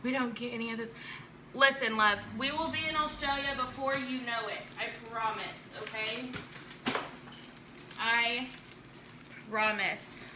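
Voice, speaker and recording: Woman, live-stream craft host, teasing and laughing, unhurried talk, clear background noise. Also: on the high side. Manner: joking, teasing, laughs often. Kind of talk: casual live-stream chat with viewers. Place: at home.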